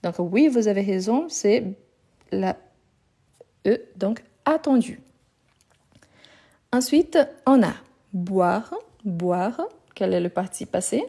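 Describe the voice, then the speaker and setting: Slow, patient woman teaching French verbs. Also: medium pitch, animated, dark tone. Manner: slow and patient, repeating each verb and confirming answers. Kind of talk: live online grammar lesson. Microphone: phone.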